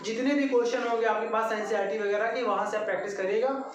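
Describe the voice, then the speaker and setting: A man's voice: high voice, steady tone, quick pace. Male teacher in a very echoey room. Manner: repetitive, step-by-step explaining, addresses students directly. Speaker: physics teacher. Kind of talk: classroom lecture at a board. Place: classroom at a coaching centre. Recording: very echoey room, mic far off.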